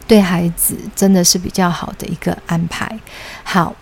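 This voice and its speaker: A woman's voice: lowish voice, gravelly. A woman in her thirties with a Taiwanese Mandarin accent hosts her own podcast as a children's English teacher, talking casually with many "uh" fillers and English words mixed in. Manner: chatty, frequent "呃" fillers, mixes in English words. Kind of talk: casual solo podcast talk.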